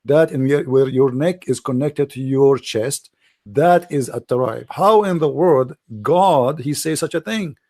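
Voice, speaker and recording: Hosting a heated debate, a middle-aged man whose first language is Arabic talks in a sarcastic, mocking manner, repeatedly saying "my friend." His mid-range voice is a little slow and a little mellow.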